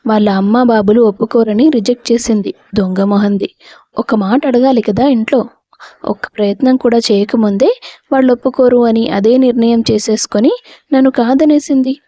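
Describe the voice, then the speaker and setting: A woman's voice: on the high side, steady tone, brisk, warm tone, no room sound, muffled recording, close to an everyday voice. A woman voicing a heartbroken young man, a team leader, complaining bitterly after being turned down. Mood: hurt.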